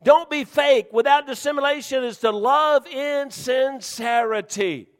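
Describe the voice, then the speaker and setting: Male pastor, high-pitched, folksy and teasing, loud to hushed, church reverb. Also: measured pace. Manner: folksy, joking preacher who swings from shouting to hushed. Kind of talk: sermon.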